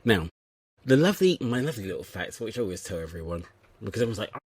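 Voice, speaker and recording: A man's voice: fairly low pitch, very animated, racing, darkish tone, husky, no room sound. Playful rambling English man, dry sound. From England. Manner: playful, rambling, self-mocking. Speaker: podcast host. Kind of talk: comedic casual chat.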